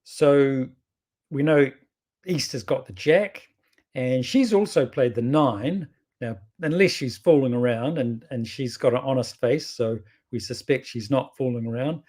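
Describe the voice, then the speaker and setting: A man's voice: mid-range voice, unhurried, a little mellow. A man with a strong New Zealand accent gives casual game commentary, thinking aloud in an informal, rambling way and often correcting himself. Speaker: bridge player presenting his own videos.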